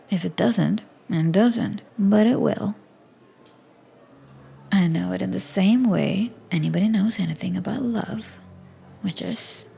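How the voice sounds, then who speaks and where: In a scripted audio roleplay, a woman plays a flirty, teasing bartender, speaking softly and often almost whispering. Her voice is mid-range and creaky.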